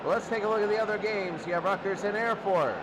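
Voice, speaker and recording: A fast-talking man with a high voice handles informal play-by-play of an American football game in radio style, reasoning aloud as the plays unfold. The stadium crowd roars loudly in the background along with other noise.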